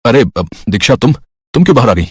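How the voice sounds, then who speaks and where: A shy young husband with a low, husky voice, put on by a woman narrator. He speaks in a quick, dry, close-up delivery, uneasy and hesitant, with a lively rise and fall in his tone. The tale is a storybook drama. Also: no room sound, full character voice. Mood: worried. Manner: hesitant, then stern. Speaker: narrator voicing a character.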